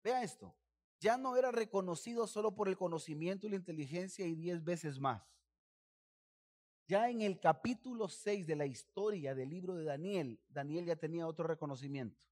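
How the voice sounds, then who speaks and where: A man's voice: sits high, lively intonation, moderate pace, darkish tone. A male pastor preaching a sermon, emphatic, often calling the congregation to repeat phrases after him.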